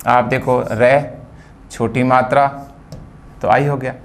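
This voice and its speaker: Indian male teacher spelling words slowly. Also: mid-range voice, steady tone. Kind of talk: phonetics lecture.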